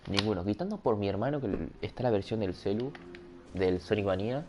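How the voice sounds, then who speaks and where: With a voice on the low side and lively intonation, a young man with a Rioplatense Spanish accent talks a little fast during a casual gaming livestream, background noise audible. He rambles and jokes with his viewers through a headset mic, often laughing at himself.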